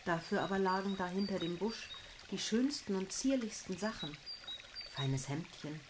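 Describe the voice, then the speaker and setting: A woman storyteller calmly narrating a fairy tale for children and adults. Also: mid-range voice, noisy background. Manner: calm, measured telling.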